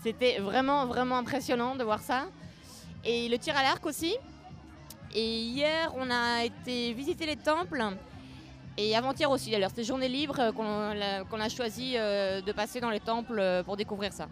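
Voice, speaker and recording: High-voiced woman racer, really upbeat, faint music behind. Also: moderate pace. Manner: upbeat, enthusiastic. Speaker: race participant. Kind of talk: casual interview answers.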